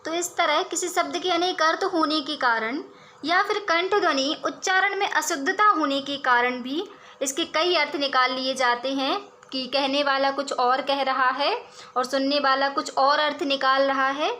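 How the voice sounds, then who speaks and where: Reading verses slowly and then unpacking each one with steady patience, a woman teaches poetry in a high, bright voice. She comes across as clear and instructive, with a little hiss or hum in the audio.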